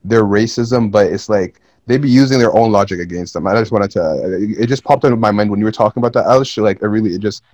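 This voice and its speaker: A man's voice: on the low side, quick pace, hardly any pauses, a little mellow, dry recording, lo-fi sound. A young man in casual podcast chat who tells a story hesitantly, with many "uh"s and apologetic interjections. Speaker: podcast co-host.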